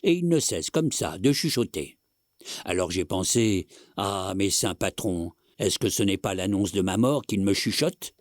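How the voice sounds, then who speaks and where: Give me a man doing an anxious old husband in a storybook reading, rambling and coughing, low and dry. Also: animated, measured pace, no echo. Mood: fretful. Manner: coughing fits, fretful chatter.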